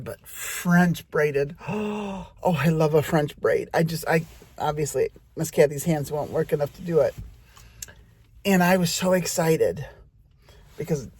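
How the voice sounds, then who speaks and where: A woman's voice: sits low, a little mellow, no room sound. A middle-aged woman telling a rambling personal story in a chatty way, talking straight to her audience.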